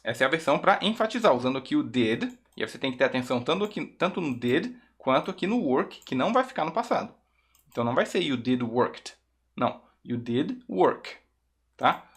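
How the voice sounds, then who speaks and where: A man from Brazil teaching English in a video lesson. He explains step by step, repeats each example sentence slowly and clearly, and often checks in with a quick "tá?". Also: a little high, very animated.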